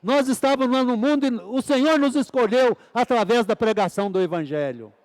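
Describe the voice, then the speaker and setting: Male preacher, high voice, fervent sermon delivery, keeps asking and answering his own questions. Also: brisk, big-room sound. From Brazil. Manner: repeated fervent "Ó Senhor Jesus" exclamations; asks the congregation questions and answers them.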